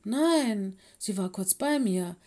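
A woman voicing a caring, busy fox headmistress and mother in a children's audiobook, brisk and motherly. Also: medium pitch, lively intonation, warm tone. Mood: chatty. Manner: brisk and motherly, stern with helpers.

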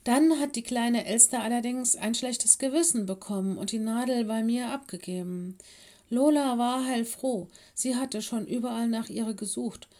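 A woman voicing a caring, busy fox headmistress and mother in a children's audiobook, brisk and motherly. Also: fairly high pitch, dark tone, pitched above the performer's own voice, close to an everyday voice. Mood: chatty. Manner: brisk and motherly, stern with helpers.

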